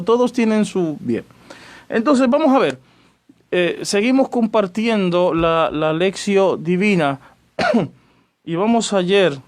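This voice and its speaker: Chatty priest on radio. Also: male voice, a little high, darkish tone. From Dominican Republic. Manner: chatty, greets listeners by name between points. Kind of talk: radio teaching on church doctrine.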